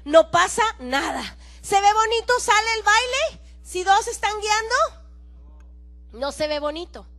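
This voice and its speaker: A woman pastor. She is animated and playful, acting out little dialogues and breaking into shouts as she mimics people. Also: extremely high pitch, unhurried, soft background music. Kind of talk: lively sermon. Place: church.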